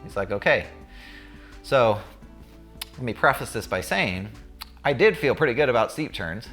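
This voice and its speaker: A man's voice: medium pitch, expressive, moderate pace, a bit bright, soft background music. A man talking casually and candidly to viewers, recounting his own experience as a student pilot in a conversational way.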